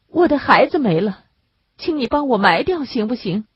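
A woman reader voicing a desperate grieving young mother who pleads in a high, tearful voice. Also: sing-song, moderate pace, slightly rough, no echo, full character voice. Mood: pleading. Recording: dull lo-fi dry recording.

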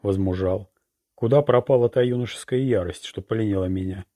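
A man's voice: on the low side, normal speed, dark tone, dry recording, clean studio sound, lightly acted. A man voicing a seductive, mocking female witch in an audiobook reading. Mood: teasing. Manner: teasing, languid.

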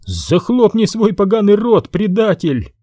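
A man voicing a crazed, vicious teenage boy who shrieks and yells in a frenzy. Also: high voice, big pitch swings, extremely slow, no room sound, clean studio sound, pitched above the performer's own voice, exaggerated voice. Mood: raving. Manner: shrieking, frantic yelling.

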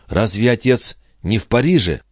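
A man's voice: on the low side, animated, normal speed, dry recording, studio quality, pitched above the performer's own voice. A man voicing a fretful young country girl. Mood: anxious. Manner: pleading, fretful, shifting to whispers.

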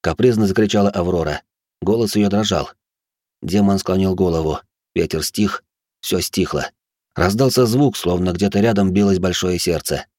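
Low-voiced male audiobook narrator. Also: normal speed, no echo, studio quality. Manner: dramatic, expressive reading. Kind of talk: scripted narration.

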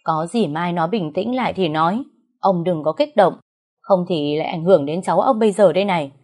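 A woman's voice: lowish voice, brisk, a little mellow, close to an everyday voice. A woman voicing a worried mother who urgently defends her daughter. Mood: protective. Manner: urgent, protective, pleading.

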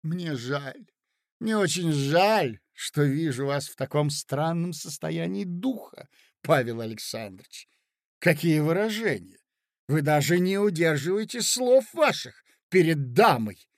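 A man's voice: a little high, very animated, a little slow, dry recording, studio quality. Man voicing a honeyed scheming lady. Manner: soft, sweet, coaxing, reproachful. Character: scheming middle-aged provincial lady, honeyed.

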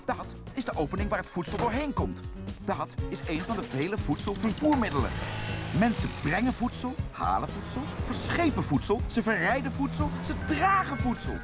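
An actor playing a fast-talking, scheming male raccoon hustler in a Dutch cartoon dub, excitable and persuasive. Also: sits high, over loud music.

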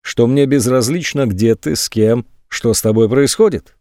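A cold, controlling, jealous man, as an audiobook reader plays him, speaking evenly and sarcastically. His mid-pitched voice sounds dry and close. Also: normal speed, dry recording, lightly acted. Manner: calm, cold, mocking.

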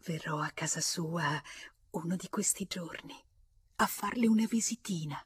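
A woman reading an audiobook aloud, voicing a playful, affectionate young married woman who speaks in a soft, murmuring, coaxing way, with an Italian accent. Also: fairly low pitch, very animated, slow pace, slightly rough, no room sound, clean studio sound, heavily acted. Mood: tender.

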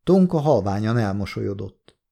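Man narrating an audiobook in a mellow voice. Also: on the low side, animated, gravelly. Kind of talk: scripted narration.

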